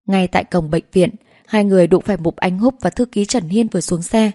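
A woman reads a romance novel aloud in a steady, even manner. Her voice is warm and mellow, with no bright edge. The recording is dry and close. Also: lowish voice, a little fast, no room sound. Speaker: audiobook narrator. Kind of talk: scripted narration of a romance novel.

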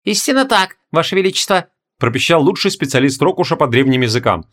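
A man doing a squeaky timid professor. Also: lively intonation, fast, a bit bright. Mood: eager. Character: timid squeaky male professor with old books.

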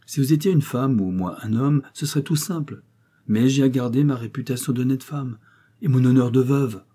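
A man reading aloud and voicing a firm, dignified young widow who speaks calmly and clearly. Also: medium pitch, a little fast, pitched above the performer's own voice, lightly acted.

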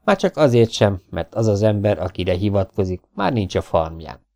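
A man voicing a mysterious masked male avenger in an audiobook, calm, mocking and self-assured. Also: lowish voice. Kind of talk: audiobook character voice.

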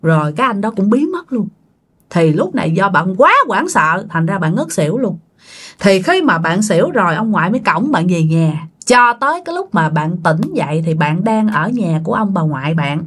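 A woman's voice: on the low side, very animated, normal speed, breathy edge. A woman, hosting and narrating a ghost story casually, talking straight to her listeners. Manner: chatty, addresses listeners directly. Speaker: storytelling channel host.

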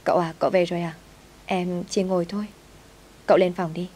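A woman's voice: lowish voice, little pitch movement, fairly quick, dark tone, natural voice. A woman doing a meek young servant girl. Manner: meek, polite, pleading.

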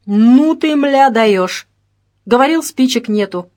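A woman voicing a brash, contemptuous male petty criminal in an audiobook, loud and drawn-out. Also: on the high side, lively intonation, pitched above the performer's own voice. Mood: jeering.

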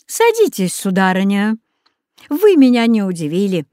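A woman's voice: medium pitch, wildly swooping pitch, moderate pace, warm tone, dry recording. Lady doing a sarcastic math teacher guy, stiff and formal, dry close sound. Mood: stern. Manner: dry, ironic formal address.

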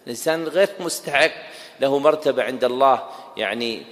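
A man gives a religious lesson, explaining slowly and deliberately, repeating key phrases and quizzing his students. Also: mid-range voice, fairly bright tone. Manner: checks understanding and quizzes students. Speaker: religious teacher. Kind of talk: classroom lecture explaining a text. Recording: reverberant lecture hall.

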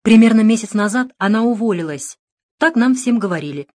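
A woman's voice: fairly high pitch, expressive, a little fast, darkish tone, no room sound, voice pushed up, close to an everyday voice. A woman voicing a composed female bank employee in an audiobook, speaking in a plain, matter-of-fact way. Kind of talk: audiobook character reading.

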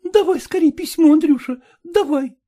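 A man's voice: extremely high pitch, moderate pace, mellow, voice pushed up. A male reader voicing an impatient young peasant woman who keeps pressing and pleading. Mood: eager. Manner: pleading, insistent.

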